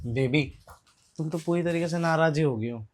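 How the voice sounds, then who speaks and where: A woman's voice: sits low, moderate pace, lightly acted. A woman playing a young husband caught cheating, who defends himself and begs forgiveness in a comic family skit. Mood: pleading. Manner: defensive, wheedling, pleading.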